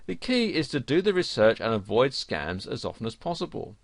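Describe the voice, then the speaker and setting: A man reading a scripted instructional narration for an online course, with a lively, emphatic delivery. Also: mid-range voice, a little fast, gravelly, no echo.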